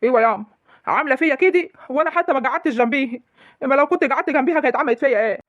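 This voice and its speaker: A performer playing a battered young rural husband in a comic village sketch, with a rural Egyptian accent, complaining fast. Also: high voice, a bit bright, dry recording, muffled recording.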